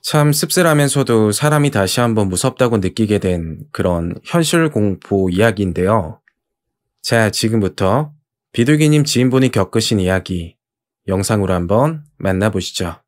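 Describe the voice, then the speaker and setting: A man's voice: fairly low pitch, lively intonation, moderate pace. A man hosting a horror story show, giving a scripted introduction to a tale. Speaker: host of a horror story channel.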